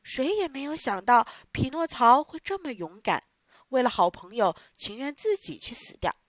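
A woman narrating a children's story in an expressive, sing-song storytelling manner. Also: high voice, normal speed, no room sound, clean studio sound.

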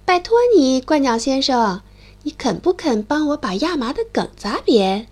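A woman's voice: high voice, sing-song, normal speed. A woman doing an eager little boy mole. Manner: pleading, chirpy, cries out loudly.

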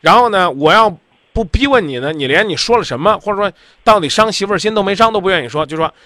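A man's voice: high voice, expressive, fast, bright, forceful tone, no echo. A man hosting a radio call-in advice show, talking bluntly and insistently, lecturing the caller.

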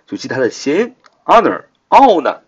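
Man teaching vocabulary, lively pitch. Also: moderate pace, husky. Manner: spells words letter by letter, repeats words. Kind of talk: recorded vocabulary lesson. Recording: dull lo-fi recording.

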